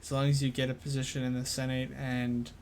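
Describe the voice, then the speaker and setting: A man's voice: mid-range voice, completely flat delivery, fairly quick, a little mellow, slight background noise. A young man from Canada, chatting casually, giving firm opinions and explaining things. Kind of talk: casual chat.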